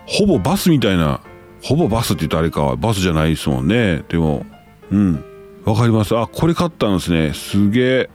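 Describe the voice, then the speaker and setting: Lively Kansai man hosting a chat. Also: sits low, fast talker, soft background music. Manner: exclaims often, reacts aloud to messages. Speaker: host reading listener messages. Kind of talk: casual live-stream chat.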